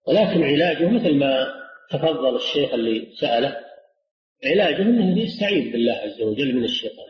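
A man, a religious scholar, answering questions in a lecture, measured and repeating key phrases for emphasis. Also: fairly high pitch. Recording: roomy lo-fi lecture recording.

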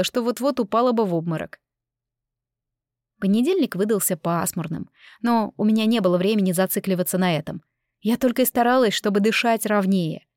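Woman reading a story out loud, calm and even, dry close mic. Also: fairly high pitch, no room sound. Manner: calm, measured first-person reading. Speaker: audiobook narrator. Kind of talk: scripted narration.

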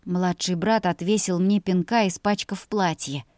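A woman narrating a first-person audiobook story in an expressive storytelling manner. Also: lowish voice, a little slow, no echo, studio quality.

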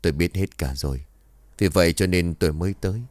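A man voicing a calm old village exorcist who speaks in a hushed, authoritative way. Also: sits low, fast, dry recording, natural voice. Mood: grave.

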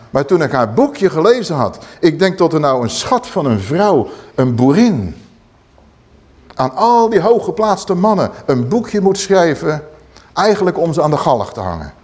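A man preaching a sermon, animated, swinging between loud exclamations and low emphatic asides.

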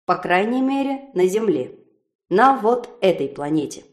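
A woman reading an audiobook and voicing a male spaceship's AI, loud, clear and deliberate. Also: mid-range voice, big pitch swings. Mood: measured. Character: spaceship's AI, male, dry and precise. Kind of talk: audiobook character voice.

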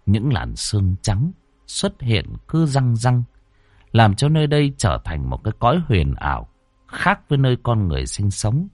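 Lively low-voiced male ghost-story narrator. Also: dry recording. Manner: dramatic, slowing down for suspense.

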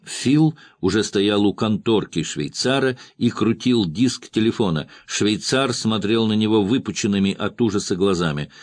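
Deep-voiced man reading a crime story. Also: normal speed, hardly any pauses, no echo, studio quality. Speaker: audiobook narrator. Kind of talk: scripted first-person narration of a crime novel.

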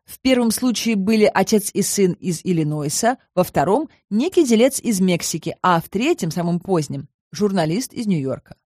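A woman's voice: mid-range voice, lively intonation, a little mellow, no room sound, studio quality, lightly acted. Woman reading as a wry, erudite young man. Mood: wry, explaining. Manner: measured, lightly ironic explaining. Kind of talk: audiobook reading.

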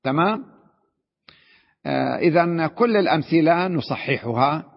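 A man's voice: on the high side, animated, a little slow, vocal fry, in a large hall, dull audio. A man, a sheikh, teaching an Arabic grammar class, explaining patiently and often checking with his students that they follow. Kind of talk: classroom lesson.

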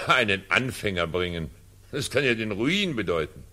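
In a 1940s radio drama, a male actor gives a full character voice as a pompous, evasive cabaret director. His delivery is lowish, sing-song, sharp-toned and a little slow, coming across as condescending, theatrical and patronizing.

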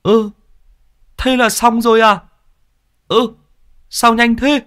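A whiny, henpecked middle-aged man pleads in a high, thin voice well above the narrator's own. He sounds timid and put-upon, and the voice carries a faraway edge. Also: little pitch movement, slow, a bit bright, clear, resonant tone, heavily acted. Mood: puzzled.

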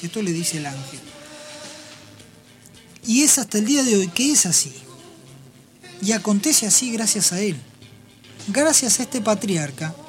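A woman hosting a radio program, retelling Bible passages in an explanatory, storytelling way with pauses and restarts. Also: medium pitch. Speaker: radio host. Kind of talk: radio talk on Bible stories.

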